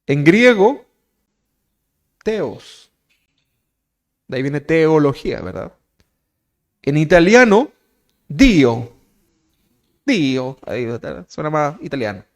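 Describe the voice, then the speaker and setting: Chilean pastor teaching a sermon. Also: male voice, on the high side, big pitch swings, slow pace, pauses often. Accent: Chilean Spanish. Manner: conversational, keeps asking "¿verdad?"; asks the congregation direct questions.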